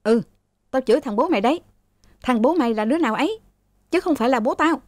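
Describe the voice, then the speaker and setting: A woman voicing a quarrelsome young man who hurls insults quickly in a raised voice. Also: high-pitched, lively intonation, no room sound, pitched above the performer's own voice. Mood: insulting. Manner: rude, rapid and shouting.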